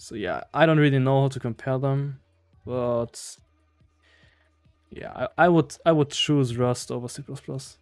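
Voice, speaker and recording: A man's voice: medium pitch, a little slow, clear, resonant tone, no room sound, studio quality, faint music behind. A man with a German accent doing casual live coding commentary, hesitantly thinking aloud in fragments. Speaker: live-streaming programmer.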